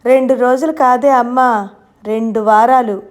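A fond, fretful grandmother from a storybook, over sixty, with a soothing, affectionate way of speaking, put on lightly by a woman narrator. Her voice sits fairly high and moves slowly. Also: steady tone, close to an everyday voice.

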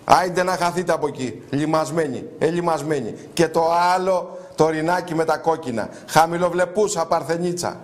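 A male TV host making a prank call and launching into loud, indignant, mocking rants. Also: a little high, hardly any pauses. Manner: mocking, theatrical. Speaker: TV show host. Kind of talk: on-air prank call and ranting commentary.

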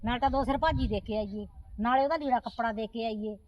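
Casting: woman as an aggrieved, demanding aunt; a high voice and rapid-fire complaints. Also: darkish tone, dull audio, close to an everyday voice. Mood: indignant. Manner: complaining, insistent, scolding. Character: sulking offended aunt, quarrelsome and demanding. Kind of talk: amateur comedy short film acting.

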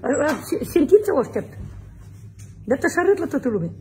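Emphatic woman with a mellow voice. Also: high-pitched, sing-song. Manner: emphatic, keeps agreeing with repeated yes and correct. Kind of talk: casual street conversation.

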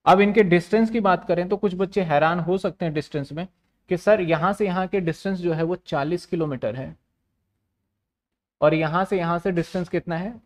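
A man's voice: sits high, moderate pace. A man giving a commerce lecture, asking questions and answering them himself, often repeating phrases. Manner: repetitive, asks and answers his own questions. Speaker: commerce teacher. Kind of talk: online classroom lecture.

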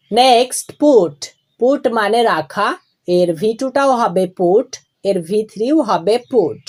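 A woman teaching English grammar, going slowly and deliberately through each verb form and letting phrases fall low at the ends. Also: a little mellow. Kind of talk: classroom explanation of verb forms.

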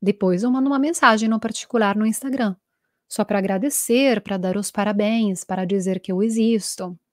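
A woman's voice: medium pitch, moderate pace, no echo, clean studio sound. Chatty Italian-born woman teaching live. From Italy. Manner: chatty, animated, acts out quoted dialogue. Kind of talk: live online lesson.

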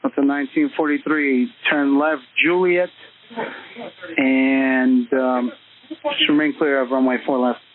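A man's voice: medium pitch, steady tone, unhurried, a crowd in the background. A man working as an air traffic tower controller, speaking in clipped phraseology over aviation radio. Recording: tinny narrowband radio transmission.

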